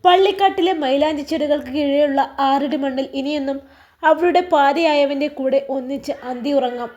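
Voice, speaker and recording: High-voiced Malappuram woman storyteller. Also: normal speed, darkish tone, dull audio. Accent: Malappuram Malayalam. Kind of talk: emotional story narration.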